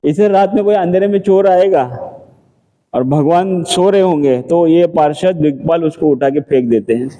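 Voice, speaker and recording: In a temple, a man teaches a scripture class, speaking conversationally and answering his own rhetorical questions. His pitch is fairly high, his tone warm, and his speed normal.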